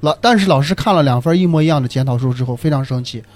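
A man in casual chat, retelling a story in an animated, excited way. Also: mid-range voice, rapid-fire.

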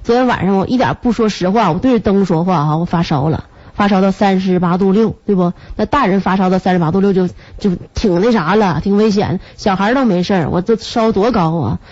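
A woman's voice: mid-range voice, brisk, a little mellow. A woman radio host with a Northeastern Chinese accent and a stuffy nose from a cold, chatting in a teasing, comic monologue and laughing often. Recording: muffled radio broadcast recording.

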